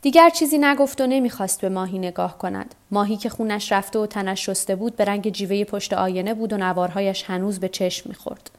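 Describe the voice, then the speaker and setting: A woman narrating a novel for a nightly story podcast in a calm, measured reading. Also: mid-range voice. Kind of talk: scripted narration of a translated novel.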